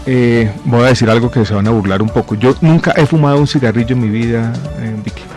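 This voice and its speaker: A man in his forties, a government minister, answering radio interview questions in a measured, reflective way with many pauses and fillers. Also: mid-range voice, a little mellow, faint music behind. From born in Chile, raised in Colombia. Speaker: guest, health minister.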